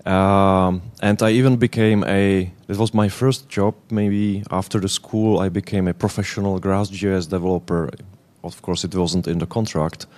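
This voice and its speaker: A man in his thirties speaks with a Czech accent, his voice sitting very low. He gives a conference presentation in non-native English, pausing and restarting as he searches for words. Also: steady tone, a little mellow. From Czech Republic.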